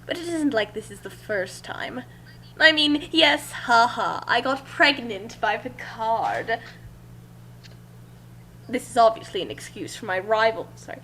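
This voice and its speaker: A woman reads a first-person fan fiction story aloud in a theatrical, emphatic way, her voice on the high side, expressive, a little slow and sharp in tone. It's a noisy amateur recording with hum.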